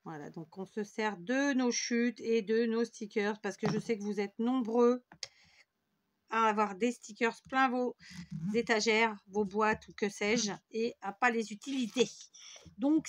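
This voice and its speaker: This scrapbooking tutorial is led by a woman from France with a fairly high voice and a slightly slow pace. The recording has no echo, and she talks while crafting at her table, rambling and making fun of herself.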